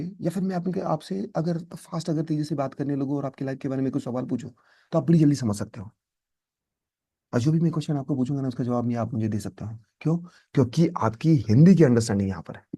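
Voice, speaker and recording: A man's voice: medium pitch, dark tone, slightly rough. Emphatic man teaching spoken English. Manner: emphatic, repeats key points, asks "right?".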